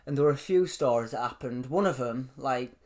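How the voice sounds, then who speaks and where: A man, co-hosting a casual chat and telling stories in an animated way, laughing often and swearing freely. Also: medium pitch, a little fast. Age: 20s. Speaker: podcast co-host.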